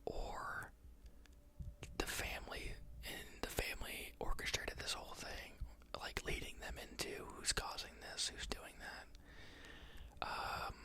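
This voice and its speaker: This teaching-oriented ASMR host begins with a book reading and shifts into thinking aloud. Everything is delivered in a quiet, unrushed whisper with numerous pauses and fillers.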